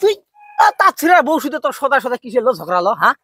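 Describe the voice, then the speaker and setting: A man's voice: extremely high pitch, sing-song, rapid-fire, bright, forceful tone, slightly rough, no echo, studio quality. Scolding rustic man. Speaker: comedy skit lead. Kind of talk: comedy skit acting.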